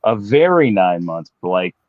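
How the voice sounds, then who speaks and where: A man in his late fifties, a fitness professional telling his own story in a relaxed, self-deprecating way during an interview. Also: low voice, unhurried, no echo, narrow, tinny audio. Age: 50s.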